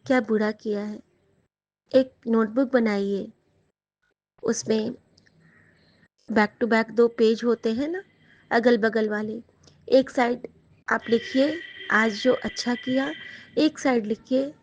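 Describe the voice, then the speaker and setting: High-voiced woman giving a devotional talk. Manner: warm, personal, addresses listeners as sangat ji. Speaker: satsang speaker. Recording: slightly dull lo-fi sound.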